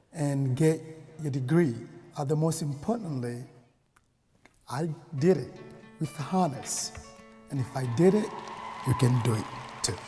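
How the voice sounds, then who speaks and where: A man's voice: fairly high pitch, mellow, big-room sound. A man from the Democratic Republic of Congo, a graduate, speaking earnestly in a testimonial. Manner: earnest, encouraging. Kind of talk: interview testimonial.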